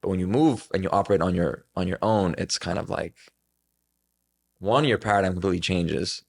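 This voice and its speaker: Appearing as a guest on a podcast, a twenty-something man rambles earnestly and reflectively, a little fast, filling his speech with filler words. His voice is low-pitched with vocal fry.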